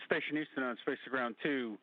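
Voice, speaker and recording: A man's voice: mid-range voice, fairly quick, no room sound. A man making clipped, procedural mission control calls over a breaking-up space radio link. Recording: narrow, tinny space-to-ground radio link.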